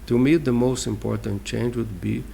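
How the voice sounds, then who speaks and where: A man with a Brazilian accent answering interview questions as a diplomat, explaining deliberately and emphatically with pauses. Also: mid-range voice, fairly even intonation, vocal fry, warm tone, slight background noise. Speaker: ambassador giving an interview.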